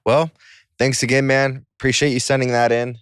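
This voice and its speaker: A man with an average-pitched voice hosts a podcast in an easygoing, slangy way. His voice sounds dry and close to the mic. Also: flat delivery, normal speed, clean tone, no room sound. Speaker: podcast co-host. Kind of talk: casual podcast chat.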